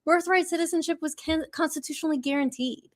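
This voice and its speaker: A woman's voice: high-pitched, fast talker, dry recording, studio quality. A woman co-hosting a political talk podcast who chats casually and keeps chiming in. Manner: chatty, chiming in and interjecting. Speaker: podcast co-host.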